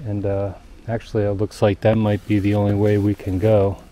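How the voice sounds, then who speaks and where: A man narrating his own hike on a snowy forest trail, describing the route in a relaxed, matter-of-fact way. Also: fairly low pitch, moderate pace, slight background noise. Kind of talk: casual hiking vlog narration.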